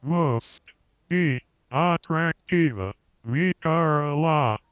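Odd foreign uncle: radio drama, halting stuck repetitions, very drawn-out delivery, dull echoey sound. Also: male voice, a little high, smooth. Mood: stilted, halting. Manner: halting, repeating set phrases. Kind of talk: radio play acting.

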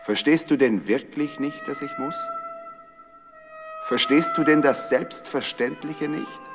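A man voicing a lean, earnest male hunting dog who speaks calmly and insistently. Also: fairly high pitch, measured pace, pitched above the performer's own voice. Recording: reverberant with loud music.

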